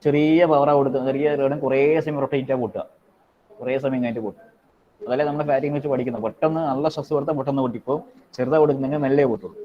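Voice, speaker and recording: A man teaching an online class, explaining in quick repetitive Malayalam and pausing to dictate notes slowly in English. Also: mid-range voice, fairly even intonation. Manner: repetitive, checks in with students often. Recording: dull lo-fi online call audio with faint noise.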